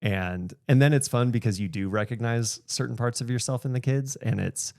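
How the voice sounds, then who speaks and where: A man's voice: mid-range voice, normal speed, gravelly, darkish tone, no room sound, clean studio sound. A man in his thirties, a podcast host talking candidly in casual conversation and laughing often.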